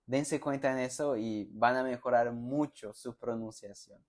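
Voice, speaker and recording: A man teaching a pronunciation lesson, slowly sounding out example words and syllables for learners to repeat, with friendly check-in questions. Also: mid-range voice, fairly even intonation. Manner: slow, deliberate, sounds out words and syllables for repetition; friendly, addresses students directly with check-in questions. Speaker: Spanish teacher.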